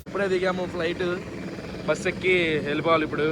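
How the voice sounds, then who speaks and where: A man's voice: sits high, flat delivery, fast talker, over loud music. A young man vlogging his trip, chatting casually and teasing his friends, filmed on a handheld phone. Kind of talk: casual travel vlog chat. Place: outdoors and in transit, airport and streets. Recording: noisy street and traffic sound.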